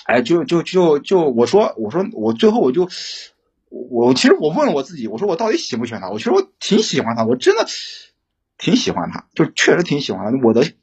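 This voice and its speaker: A young man calling in for relationship advice, telling his story in a rambling, halting way with many restarts. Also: a little high, huge pitch swings, darkish tone, husky. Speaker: caller seeking relationship advice. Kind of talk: casual phone-in storytelling.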